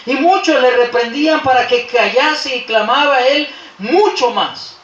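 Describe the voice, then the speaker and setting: A man preaching a Sunday sermon as pastor, impassioned, swinging between loud peaks and soft, low asides. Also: measured pace, lo-fi sound. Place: church sanctuary. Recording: roomy church hall, voice from a distance.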